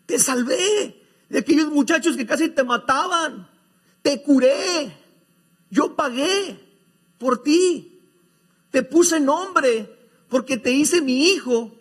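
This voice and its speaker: A man's voice: a little high, brisk, few pauses, darkish tone, breathy edge. A man voicing a loving adoptive father who firmly reassures his worried son in a sermon story. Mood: pleading, emphatic. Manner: emphatic, pleading, rising questions.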